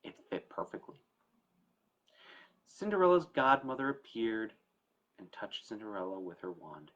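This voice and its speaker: Through lo-fi sound, a man with a fairly low, fairly bright voice speaks in a very animated yet unhurried manner. He's an estate planning attorney hosting a story time talk, explaining things to camera informally and with emphasis.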